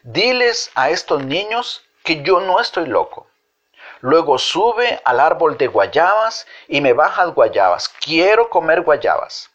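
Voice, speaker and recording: A gentle, playful children's teacher, as a man reads him, acting the fool in a slow, lilting voice. The recording is dull and lo-fi. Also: a little high, big pitch swings, pitched above the performer's own voice, exaggerated voice. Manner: gently playful, mock-foolish.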